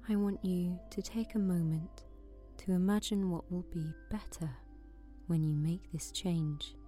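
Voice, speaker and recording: A woman leads a calming sleep meditation, her voice soft and slow. She often sinks into a whisper, and her tone stays low, dark and mellow, with faint music playing behind her. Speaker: meditation guide.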